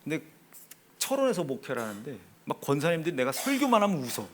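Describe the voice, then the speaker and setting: Korean male pastor with a Chungcheong accent; high, highly animated voice; dramatic sermon delivery from whispers to loud exhortation. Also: fast talker, a little hiss or hum. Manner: swings from hushed asides to loud emphatic preaching. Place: church sanctuary.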